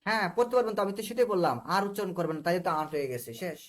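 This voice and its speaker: A man with a Bangladeshi accent teaches a live online English class in a high, racing voice. He explains patiently, repeats himself, and keeps checking whether students understand.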